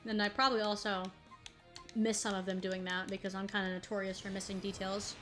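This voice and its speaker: A woman's voice: medium pitch, level tone, fairly quick, a bit bright, faint music behind. A woman streaming a video game, chatting casually and rambling as she plays, often breaking into laughter. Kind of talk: casual gaming commentary.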